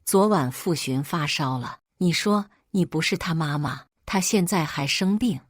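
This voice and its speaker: A man's voice: fairly high pitch, unhurried, dry recording, clean studio sound. A woman reading a pleading ex-husband. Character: tense young ex-husband, pleading father.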